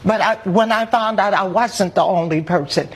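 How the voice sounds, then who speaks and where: A middle-aged woman giving courtroom testimony as a witness, speaking in a formal, deliberate, indignant manner. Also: medium pitch, husky. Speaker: court witness, church secretary.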